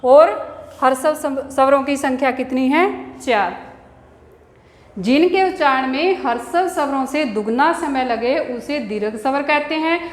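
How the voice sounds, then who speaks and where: A woman schoolteacher gives a grammar lesson step by step, posing questions and answering them herself. Her voice is high-pitched and unhurried. The room is echoey with a long reverb.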